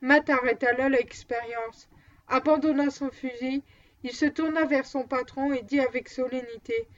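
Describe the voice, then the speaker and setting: A woman narrating a novel aloud as an audiobook, in an even, measured manner, on a dull lo-fi recording. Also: high voice. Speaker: audiobook reader.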